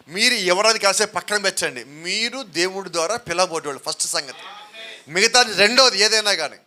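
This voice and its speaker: A man's voice: high-pitched, bright, forceful tone. A man with a Telugu accent preaching a sermon, often putting questions to the congregation and urging them to answer aloud.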